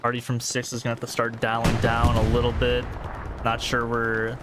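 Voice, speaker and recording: A man casting a competitive video game match play-by-play, tired and a little out of breath, talking quickly and getting excited at big plays. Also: medium pitch, very noisy. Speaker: esports caster. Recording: game gunfire and artillery behind.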